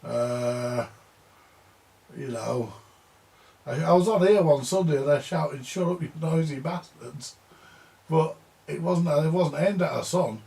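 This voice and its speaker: An older man who repairs vintage audio rambles through a casual monologue in a rough, gravelly voice pitched a touch high for his age. He talks slowly with long pauses and a dark tone, grumbling, circling back to repeat himself, and swearing now and then.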